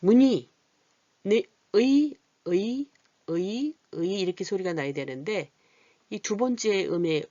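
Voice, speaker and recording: An adult literacy teacher explaining vowels patiently, asking rhetorical questions and reading example words slowly. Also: medium pitch, vocal fry, dark tone, no echo, lo-fi sound. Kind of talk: Korean vowel lesson.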